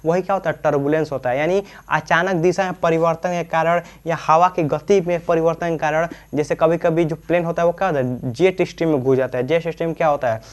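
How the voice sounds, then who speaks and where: Speaking fast with hardly any pauses, a man with a slightly high, steady voice gives an informal explainer on aviation terms. He repeats things, answers his own questions, and keeps tossing in check-in tags.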